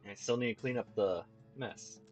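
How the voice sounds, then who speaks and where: A man's voice: mid-range voice, moderate pace, soft background music, lightly acted. Chuck, a man doing a lisping creepy innkeeper. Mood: creepy cheerful. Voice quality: lisp, odd emphasis on words. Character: creepy grinning male innkeeper with lisp.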